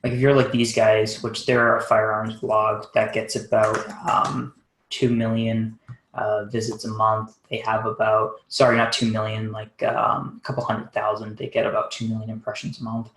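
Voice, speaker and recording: A man with a low, fairly monotone voice walks through a website audit live on a video call. He talks quickly and casually, thinking aloud with frequent ums. The sound is roomy, with noticeable echo. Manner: fast, casual, thinking aloud with many fillers. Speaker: SEO consultant. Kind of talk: live webinar screen-share audit.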